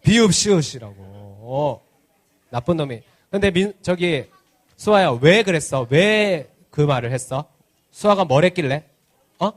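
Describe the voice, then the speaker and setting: This children's pastor leads an interactive sermon during a church service, joking with the kids and asking them question after question. He speaks at a measured pace in a slightly high, expressive voice.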